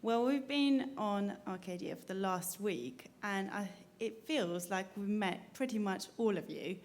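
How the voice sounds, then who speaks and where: Woman violinist, stage patter, storytelling manner, middle-pitched voice, stage mic. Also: unhurried, slight background noise. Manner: chatty storytelling. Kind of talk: live stage patter between pieces. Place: stage on a cruise ship.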